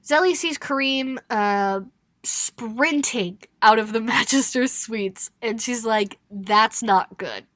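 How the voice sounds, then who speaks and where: A woman's voice: fairly high pitch, slow pace, dry recording. A young woman co-hosting a podcast, recapping a novel in casual chat with lots of laughter and swearing. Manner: laughing, animated storytelling with expletives. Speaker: podcast co-host.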